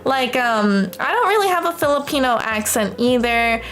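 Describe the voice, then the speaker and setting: A young American woman livestreams, chatting casually with her viewers in an expressive, affectionate, gushing way. Her voice is fairly high and her speed normal.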